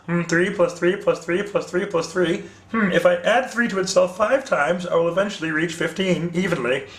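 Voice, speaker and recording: A man leads a casual math lesson in a voice pitched a bit high. He jokes with his students and calls them dudes. He thinks aloud with frequent ums and rhetorical questions. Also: normal speed, a bit bright. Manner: playful, jokey, talks to students as dudes. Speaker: math teacher.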